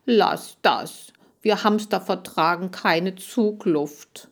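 A woman's voice: on the low side, slow. A woman doing a whiny, vain male hamster. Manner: whining, complaining.

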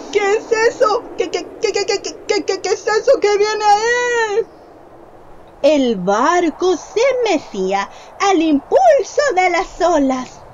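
A woman reads a Bible story to a child in a slow, deliberate way. Her fairly high voice swoops widely as she paints each scene. A faint hiss of noise sits behind her. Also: highs cut off. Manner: expressive, slow, questions the child.

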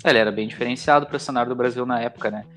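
A man's voice: medium pitch, steady tone, very fast, fairly bright tone. A man with a gaúcho accent in casual, colloquial sports chat, often ending phrases with tag questions. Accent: southern Brazilian, gaúcho. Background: music under the talk.

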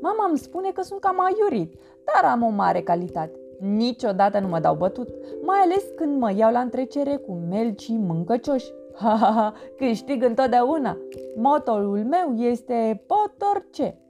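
A woman narrating a children's storybook as a cheerful, boastful little boy earthworm, playful and animated. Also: fairly high pitch, vocal fry. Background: background music.

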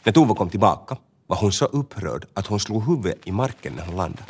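A low-pitched male voice reads a children's story. His intonation rises and falls vividly, and every sentence is shaped for young listeners. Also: a little hiss or hum. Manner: lively, expressive reading. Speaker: narrator.

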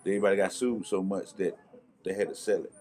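A man from Charlotte, a rapper telling animated, slangy stories as a guest in a casual interview. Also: low-pitched, quick pace. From Charlotte, North Carolina. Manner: animated storytelling, swearing, slangy. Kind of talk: casual conversation.

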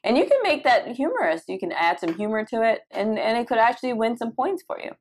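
A young adult woman from Cameroon coaching doctors for residency interviews in a live Q&A, animated and emphatic, repeating points for stress. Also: a little high, fast talker. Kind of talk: live Q&A session.

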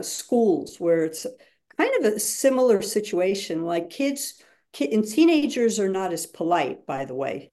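A woman with a warm, medium-pitched voice guest-facilitates a webinar, explaining things emphatically and acting out examples as she talks.

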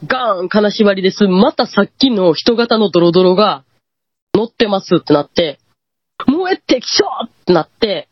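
A woman's voice: mid-range voice, normal speed, no echo. A woman with a Kansai accent casually telling a true ghost story, acting out the quoted lines. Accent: Kansai Japanese. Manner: animated, acts out quoted lines. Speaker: guest storyteller. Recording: dull lo-fi dry audio.

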